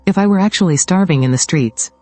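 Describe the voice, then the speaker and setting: A man doing a calm young mystic healer. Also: high voice, fast talker, dry recording, faint music behind, close to an everyday voice.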